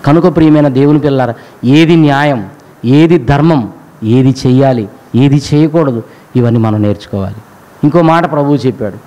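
High-voiced man preaching a sermon. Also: darkish tone, rough recording. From India. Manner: rhetorical questions to the congregation.

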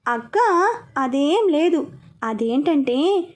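A woman's voice: high voice, lively intonation, slow, a little mellow. Woman voicing a playful, scheming younger brother. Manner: teasing, eager.

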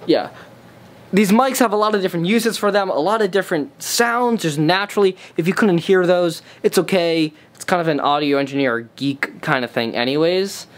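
A man casually chatting in a studio vlog, testing and comparing microphones, excitable and full of restarts. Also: high-pitched, normal speed. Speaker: vlogger. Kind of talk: casual gear-review chat. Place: studio room. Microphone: studio condenser mics, swapped between models.

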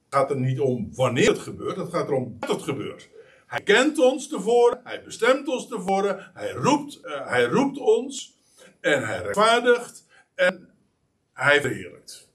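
A man preaching a sermon, emphatic and animated, with frequent pauses and restarts. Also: fairly high pitch, distant mic. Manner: lively, emphatic preaching with many hesitations. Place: church meeting hall.

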